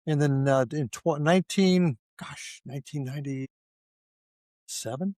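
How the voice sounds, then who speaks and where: A man's voice: on the high side, slow pace, a little mellow, dry recording. An older man from Ohio, a retired police officer, talking casually as a guest with lots of fillers and restarts. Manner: rambling with many fillers and restarts. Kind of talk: casual interview conversation.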